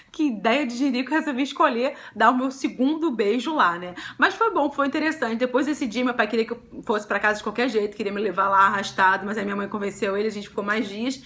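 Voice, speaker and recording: A young Brazilian woman vlogger telling a personal love story to camera, chatty and animated, often breaking into giggles. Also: a little high, brisk. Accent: Brazilian Portuguese.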